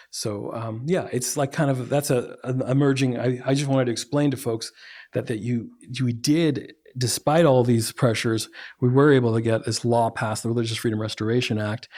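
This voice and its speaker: A man's voice: medium pitch, darkish tone. A man from Oklahoma explaining at length in a podcast conversation, building to emphatic points.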